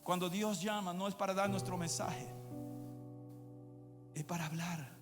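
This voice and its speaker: A male pastor preaching a sermon, moving from quiet asides to shouted climaxes. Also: sits high, fairly even intonation, measured pace. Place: church. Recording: long church reverb with music behind.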